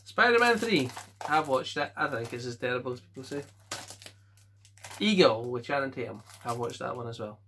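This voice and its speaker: Scottish male collector, tense bright tone, casual offhand delivery at home, faint hiss behind. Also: medium pitch, lively intonation. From Scotland. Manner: offhand quick verdicts, chuckles to himself. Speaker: collector showing his film collection. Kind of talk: casual chat.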